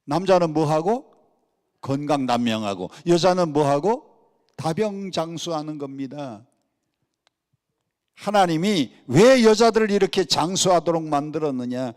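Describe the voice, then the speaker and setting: A middle-aged male pastor preaching a lively sermon and leading the congregation in call-and-response. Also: fairly high pitch, measured pace. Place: church sanctuary. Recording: long hall reverb.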